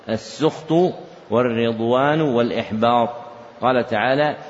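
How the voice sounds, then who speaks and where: A male religious teacher dictating a lesson on a text, repeating each phrase slowly so students can write, and chanting the verses he quotes. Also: medium pitch. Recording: dull lo-fi recording in a reverberant hall.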